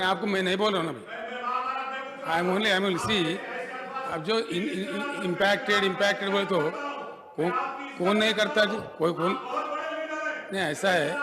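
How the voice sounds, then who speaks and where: A man replying as a government minister in an assembly debate, switching between Hindi and English and repeatedly asking to be heard. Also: high-pitched. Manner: defensive, keeps pleading to be heard. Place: legislative assembly chamber. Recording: long reverb of an assembly hall.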